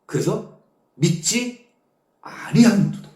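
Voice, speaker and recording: A man's voice, pitched a little high and very lively in its rise and fall, leads a Bible study in plain, conversational speech. He breaks into short acted quotes as he unpacks each verse. The recording carries a noticeable echo from the room. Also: slow pace. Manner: explains verses in casual speech, acting out quotes. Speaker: preacher.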